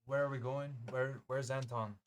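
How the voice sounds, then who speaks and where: A man game master voicing a worried middle-aged wife of a scientist, halting and full of fillers. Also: mid-range voice, fairly even intonation, voice pushed up, close to an everyday voice. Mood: anxious. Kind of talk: tabletop role-play voicing.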